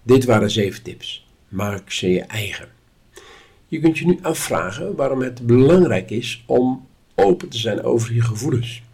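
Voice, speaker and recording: Guy teaching a lesson, calm and measured, kinda husky voice. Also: medium pitch. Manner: calm, instructive, measured delivery. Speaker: course teacher. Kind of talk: spoken lesson.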